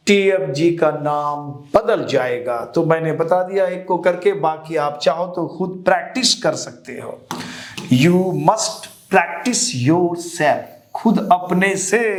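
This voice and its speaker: A man teaching chemistry to students in a lecture, asking rhetorical questions, repeating the answers and calling his students children. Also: a little high. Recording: echoey room.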